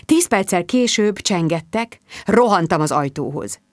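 A woman's voice: medium pitch, expressive, dry recording, studio quality. A woman reading a first-person novel aloud as an audiobook, telling the story expressively. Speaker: audiobook reader.

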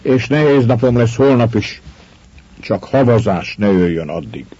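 A man reading the part of an easygoing young squire who talks in a relaxed, offhand way. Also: medium pitch, breathy edge, pitched above the performer's own voice. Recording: dull lo-fi recording.

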